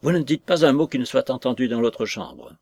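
A man reading aloud and voicing an earnest, flustered young gentleman close to his own voice. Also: mid-range voice, very animated, brisk, dry recording. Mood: urgent.

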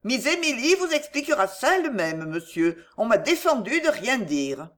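A reader voicing an earnest, anxious female household servant in a much higher voice. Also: very animated, moderate pace, a bit bright.

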